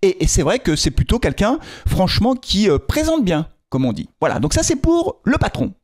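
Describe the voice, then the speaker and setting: A man's voice: sits high, sing-song, moderate pace, darkish tone, dry recording, studio quality. A man giving a casual explanatory video commentary, chatty and joking, addressing his viewers directly. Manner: frequent fillers and restarts. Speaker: football club video commentator.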